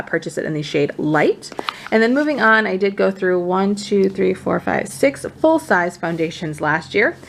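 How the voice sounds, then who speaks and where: A woman's voice: mid-range voice, creaky, slight background noise. A woman who sounds a little out of breath, chatting casually to camera as a beauty vlogger running through products. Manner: informal, conversational. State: slightly out of breath from pregnancy.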